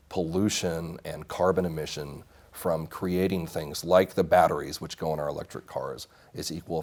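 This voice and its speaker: In a low voice with a darkish tone, a congressional candidate in his thirties answers questions earnestly and assertively. He was raised in Mexico, often restarts his sentences, and is being interviewed on a small TV studio set.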